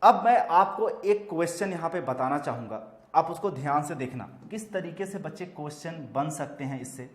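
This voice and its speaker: A man's voice: fairly high pitch, lively intonation, moderate pace, echoey room. A man teaching English grammar with an Indian accent. He repeats terms for emphasis and calls his students children. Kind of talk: classroom lecture.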